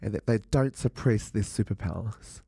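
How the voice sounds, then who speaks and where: Podcast guest, New Zealand Māori-accented man: earnest, halting, lots of fillers, dry close mic. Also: on the low side, warm tone, breathy edge, no room sound. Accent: New Zealand Māori English. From Northland, New Zealand. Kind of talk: reflective interview talk.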